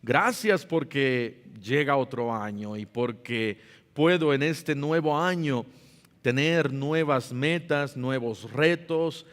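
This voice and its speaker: Slow, pleading preacher man in a hall. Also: medium pitch, fairly bright tone. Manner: emotional pleading prayers, slow deliberate preaching. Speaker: pastor. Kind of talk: Sunday school sermon. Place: church sanctuary.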